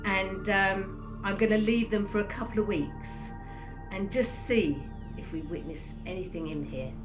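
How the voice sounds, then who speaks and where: A woman's voice: medium pitch, a little slow, over music. A woman hosting a renovation vlog, talking casually and chattily to camera. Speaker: vlog host and chateau owner.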